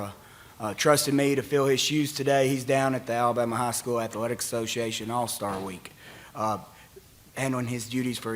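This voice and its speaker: A man, a football offensive coordinator, giving plainspoken press conference remarks with many pauses. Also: mid-range voice.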